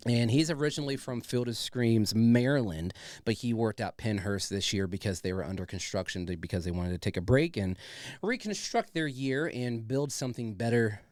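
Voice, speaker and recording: A man's voice: mid-range voice, normal speed, a little mellow, dry recording, clean studio sound. A man hosting a podcast in a casual, chatty, enthusiastic way with informal, sweary talk. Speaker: podcast host. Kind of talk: casual chatty show introduction.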